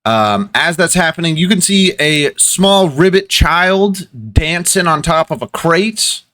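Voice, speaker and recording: A man narrating a tabletop game as game master, relaxed and with many fillers. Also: a little high, measured pace.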